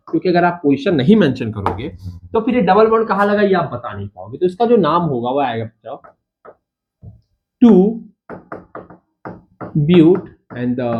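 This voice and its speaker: A man with a slightly high, darkish voice teaches chemistry in a mix of Hindi and English, calling students "bachcha" and "babu." He asks questions and answers them himself, and counts carbons slowly as he writes. The recording sounds dull and lo-fi, with faint noise.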